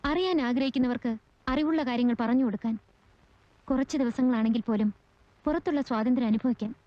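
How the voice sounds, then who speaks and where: A woman's voice: fairly high pitch, fast, warm tone, dry recording, natural voice. An actress playing an earnest, persistent woman who pleads a writer's case, in a 1980s film. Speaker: visitor urging a parole. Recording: dull old film sound.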